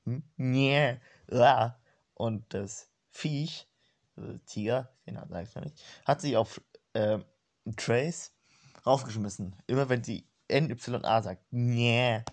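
A man casually reading a comic aloud and commenting on it in slangy, relaxed speech. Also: mid-range voice, a little slow, creaky. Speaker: comic reader.

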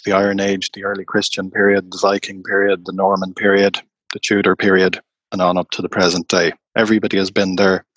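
A man, a tour guide, telling stories slowly and unhurriedly in an interview. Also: on the low side, no echo. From Ireland. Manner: slow, unhurried anecdotal telling. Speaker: tour guide and storyteller guest. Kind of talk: conversational storytelling interview.

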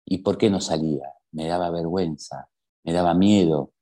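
Argentine man, guest storyteller: low, warm-toned voice, emphatic delivery that keeps asking the listener questions. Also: moderate pace. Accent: Argentine Spanish. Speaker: interview guest. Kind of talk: personal storytelling.

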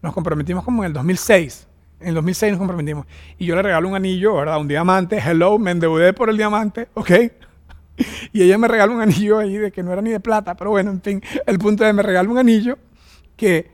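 High-voiced joking pastor from Venezuela. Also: male voice, fairly even intonation, fast talker. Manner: joking, chatty storytelling with dramatized quotes. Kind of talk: sermon.

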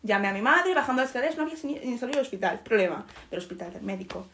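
A young woman tells a story on a podcast, fast and a little high-pitched. She mocks herself and acts out every line of what others said. It sounds like relaxed chat between friends. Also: gravelly, a little hiss or hum. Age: young adult. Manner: animated, self-mocking, acts out quotes. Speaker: podcast co-host.

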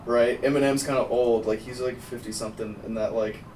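An easygoing young man co-hosting a casual podcast who laughs often. His voice is mid-pitched. The room is echoey and he sits away from the mic. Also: fairly even intonation, brisk, darkish tone, slight background noise. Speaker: podcast co-host. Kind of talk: casual chat. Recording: roomy sound, mic at a distance.

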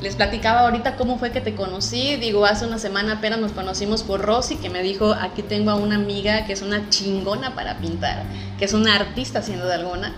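A woman's voice: mid-range voice, steady tone, fast, roomy sound, music in the background. A woman with a Mexican accent, presenting and interviewing as a chatty, emphatic podcast host.

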